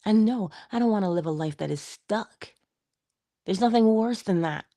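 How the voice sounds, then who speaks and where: A woman giving an inspirational spoken reflection, slow and emphatic, posing rhetorical questions and dropping into soft whispered asides. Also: mid-range voice, dry recording, studio quality. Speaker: inspirational speaker.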